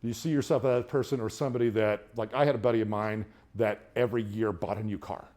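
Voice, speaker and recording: A middle-aged man teaching a money class in a casual, rambling way, with frequent restarts, getting more animated during personal stories. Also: fast. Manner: grows more animated and higher when telling personal stories. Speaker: budgeting class instructor. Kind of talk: classroom lecture.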